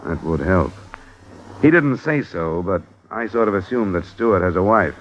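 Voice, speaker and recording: This 1950s radio drama features a hard-boiled investigator with a very low voice who narrates and asks questions in a terse, matter-of-fact way. He is animated and moderately paced, heard through a muffled old broadcast with a little hiss or hum.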